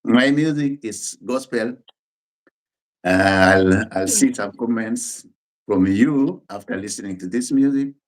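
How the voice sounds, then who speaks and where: Appearing on a casual show, this middle-aged Kenyan musician and pastor speaks Luo as his language and has a slightly low voice. He keeps to plain, unhurried sentences, often pausing or restarting a phrase, in relaxed interview chat.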